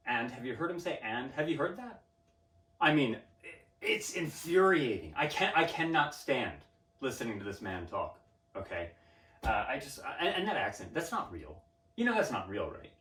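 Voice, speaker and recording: A man's voice: mid-range voice, fairly bright tone. Pompous man ranting in a roomy space. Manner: pompous, self-aggrandizing, stammering restarts. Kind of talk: mock-serious interview rant. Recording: roomy sound from a distant mic.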